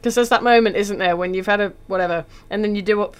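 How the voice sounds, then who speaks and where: A woman's voice: medium pitch, fast, smooth. A woman hosting a casual comic chat in a studio, blunt, cheeky and sweary. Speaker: podcast host.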